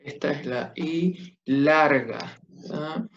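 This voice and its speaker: Profesor pausado, voz algo aguda. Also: male voice, on the high side, fairly even intonation. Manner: patient, checks understanding with tag questions. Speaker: Biblical Hebrew teacher. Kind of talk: classroom lecture at a whiteboard. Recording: dull lo-fi classroom recording.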